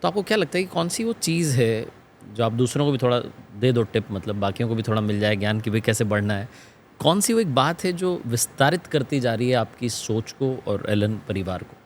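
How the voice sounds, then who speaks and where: A man's voice: mid-range voice, fairly quick, a little hiss or hum. Attentive male interview host. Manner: attentive, steady murmurs of agreement. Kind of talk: interview conversation.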